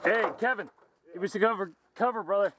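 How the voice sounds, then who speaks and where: A man filming an airsoft game on an old camcorder outdoors, shouting calls and plans to his teammates. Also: high voice, brisk, noisy background. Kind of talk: excited play-by-play while filming. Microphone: handheld camcorder mic.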